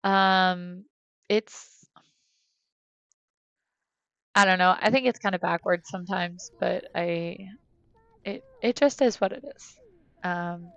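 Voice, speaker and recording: She is an American woman in her thirties whose mid-range, fairly bright voice comes through with no echo. Playing a life-sim game on stream from a room at home, she chats casually, rambling hesitantly with frequent fillers and breaking off to speak to her kids.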